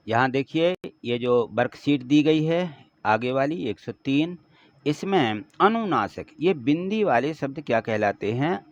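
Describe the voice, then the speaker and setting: A male teacher patiently explaining workbook exercises, repeating and spelling out words slowly for students. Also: mid-range voice, highs cut off.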